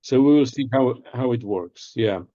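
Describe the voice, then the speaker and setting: A man's voice: medium pitch, moderate pace, dark tone, dry recording. A man giving a conference talk and Q&A remotely over a patchy video call, hesitant with many ums and restarts. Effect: remote talk over a patchy video call link. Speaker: presenter answering audience questions. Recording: muffled, dry video call audio.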